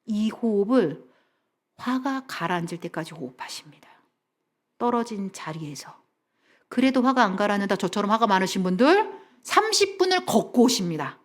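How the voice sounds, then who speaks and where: A middle-aged woman counselor giving a lively seminar talk in a church. She has the audience repeat phrases after her and drops to a soft whisper for emphasis. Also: medium pitch, moderate pace. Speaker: family counselor, guest speaker.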